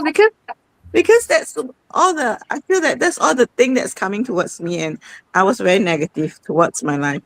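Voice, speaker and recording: A woman's voice: medium pitch, no room sound, low-quality recording. A woman, hosting an online sharing session in a rambling, conversational way. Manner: conversational, rambling with many fillers. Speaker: host.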